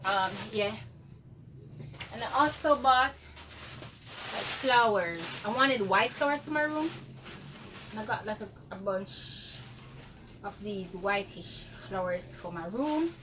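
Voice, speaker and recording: A woman's voice: medium pitch, animated, slow, pauses often. A young woman from Jamaica chatting casually and rambling a little in a home vlog, a bit tired. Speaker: vlogger. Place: bedroom at home. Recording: distant mic with clear room noise.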